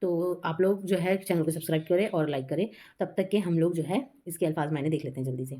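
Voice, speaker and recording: Woman teacher with low voice, tag-question habit. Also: fast talker, warm tone. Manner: frequent "hai na" tag questions, repeats each line. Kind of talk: explaining a poem line by line.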